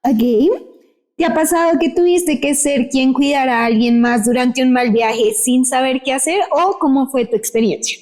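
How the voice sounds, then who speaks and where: High pitched girl, tells stories laughing, lots of slang. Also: moderate pace. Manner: expressive, laughing, slangy storyteller. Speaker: podcast co-host. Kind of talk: casual chat.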